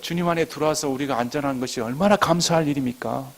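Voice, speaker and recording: A man preaching a Sunday sermon as pastor of a church. He shifts between quiet explaining and loud, emphatic bursts, and asks the congregation rhetorical questions. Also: a little high, fast talker, creaky. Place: church sanctuary.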